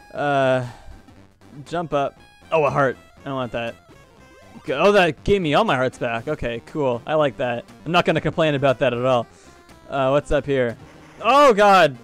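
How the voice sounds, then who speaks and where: A man hosting a let's play video, reacting aloud with frequent laughs and exclamations. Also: fairly high pitch. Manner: jumpy, exclaiming, laughing often. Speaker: host.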